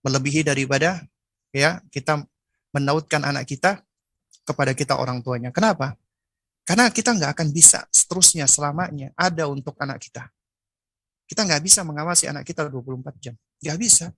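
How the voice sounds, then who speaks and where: A male preacher gives a parenting lecture, often stopping to search for words and restarting phrases. His voice sits somewhat high for a man and is recorded close and dry, with no room echo. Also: brisk, fairly bright tone. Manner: many fillers and restarts while searching for words. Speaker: Islamic preacher.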